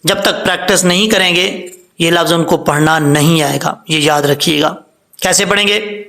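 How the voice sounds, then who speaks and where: A man teaching Quran recitation, patiently spelling out syllables slowly and chanting the verses. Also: fairly high pitch, gravelly, bright, forceful tone. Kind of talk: tajweed lesson, spelling out and reciting words slowly.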